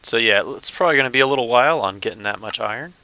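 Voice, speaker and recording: A man's voice: medium pitch, rapid-fire, pushed and bright, dry recording. A man casually talking through his gameplay as a channel host, thinking aloud and chuckling now and then. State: hiccups. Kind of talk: casual let's-play commentary.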